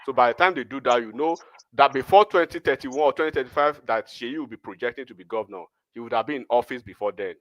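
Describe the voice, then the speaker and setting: A Nigerian man with a Yoruba accent hosts a casual political discussion, talking fast in long, rambling runs full of restarts and fillers. His mid-range voice is fairly bright, with no echo but poor audio quality.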